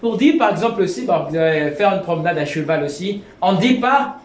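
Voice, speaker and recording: Teacher type, man, high lively voice, echoey room, repeats himself. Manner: repeats phrases, slow careful English examples; stammers and restarts. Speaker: English teacher. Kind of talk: video language lesson.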